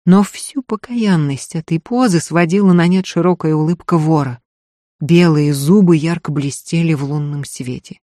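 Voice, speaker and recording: A man's voice: a little high, warm tone, dry recording. Man narrating an audiobook, dry sound. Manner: measured storytelling.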